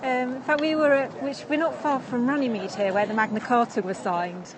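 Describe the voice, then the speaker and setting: An Englishwoman livestreams from her phone as she strolls beside a busy lake, chatting casually with lots of fillers and laughter. Her voice sits high with fairly even intonation, she talks a little fast, and there's noise in the background.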